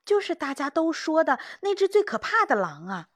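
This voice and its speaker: A woman voicing a frightened, panicky young male hunter who pleads in high, breathless cries. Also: very animated, moderate pace, no echo. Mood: anxious.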